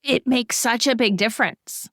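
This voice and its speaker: A woman's voice: fairly high pitch, moderate pace, a bit bright, no echo, studio quality. A middle-aged woman on a financial podcast, explaining goal-setting with everyday examples in a conversational way.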